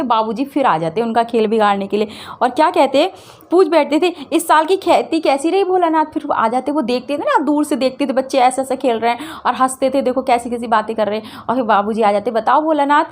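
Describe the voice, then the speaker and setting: A woman teacher revising a Hindi school chapter, retelling the story in her own words and asking her students questions as she goes. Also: high voice. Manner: explains by retelling, repeats phrases, asks students questions. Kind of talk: Hindi class revision lesson.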